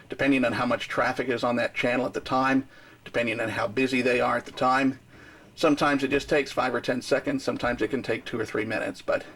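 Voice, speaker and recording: A man's voice: medium pitch, a bit bright, slight background noise. An American man instructing step by step in marine radio use, methodical and explanatory. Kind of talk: step-by-step demonstration with radio procedure. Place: aboard a docked sailing boat.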